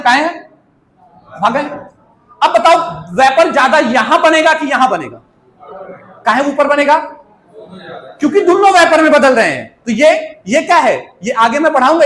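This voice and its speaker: A man teaches chemistry in a lively, playful way, constantly quizzing his students. His voice sits very high, and the room around him rings with echo. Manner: chatty, asks students questions, playful. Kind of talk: lively classroom lecture with everyday examples.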